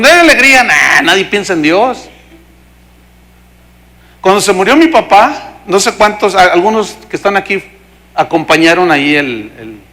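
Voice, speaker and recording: A middle-aged Mexican man, a pastor preaching a sermon and acting out the voices of people in his stories. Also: high-pitched. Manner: animated storytelling, acting out voices.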